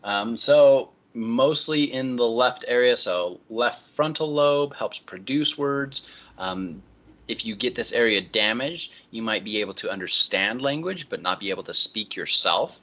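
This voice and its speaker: Bright-voiced male lecturer, lo-fi lecture recording. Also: mid-range voice, a little slow. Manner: relaxed explaining with frequent ums and uhs.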